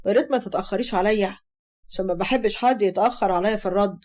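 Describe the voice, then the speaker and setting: A woman's voice: medium pitch, racing, darkish tone, close to an everyday voice. A woman with an Egyptian accent voicing a pushy older man who is impatient and demanding. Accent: Egyptian Arabic.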